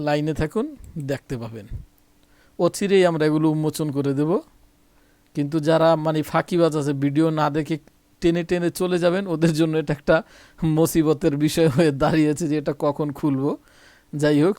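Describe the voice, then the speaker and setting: A man with a Bangladeshi Bengali accent teaches English grammar, speaking fairly quickly in a darkish, somewhat high voice with fairly even intonation. He repeats points, corrects himself, and talks directly to viewers while explaining the lesson, with no room sound on the recording.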